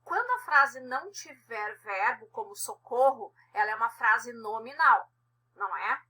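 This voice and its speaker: Woman teacher, high and sharp-toned with a husky edge, walks through grammar with frequent check-ins. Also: lively intonation, unhurried. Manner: explanatory, frequent tag questions. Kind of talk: grammar lesson.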